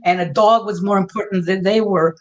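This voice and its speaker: A woman's voice: medium pitch, fairly even intonation, fairly quick, muffled recording, a little hiss or hum. A woman from Brooklyn with a New York Puerto Rican accent, speaking heartfelt in a panel discussion and mixing Spanish phrases into her English. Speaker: panel guest.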